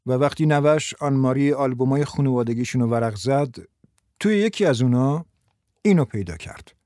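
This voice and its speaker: A man voicing a patient male investigator in an audiobook, explaining things in a calm, measured way. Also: mid-range voice, no echo, studio quality, close to an everyday voice. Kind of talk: audiobook character voice.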